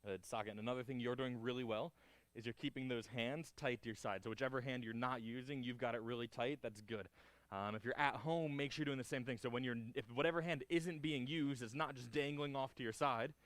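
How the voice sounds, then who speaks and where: Low-voiced man teaching a karate class. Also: fairly quick, a bit bright, dry recording. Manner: short clipped cues and counts between encouraging feedback. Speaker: martial arts instructor. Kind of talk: hands-on karate class instruction, demonstrating moves aloud.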